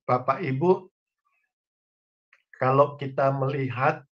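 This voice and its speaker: A man's voice: medium pitch, takes it slowly, fairly bright tone. Male pastor preaching on dull audio. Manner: addresses congregation directly, folksy humorous examples. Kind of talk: sermon. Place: church online service.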